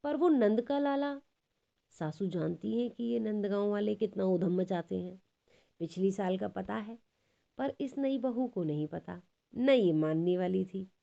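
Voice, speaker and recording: Woman reading a devotional story real slow, warm soft voice, kinda dull lo-fi audio. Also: mid-range voice, gravelly.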